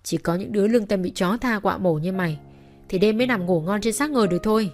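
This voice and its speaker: A woman's voice: medium pitch, quick pace, a little mellow, faint music behind, natural voice. A woman voicing a furious young wife who hurls insults through clenched teeth.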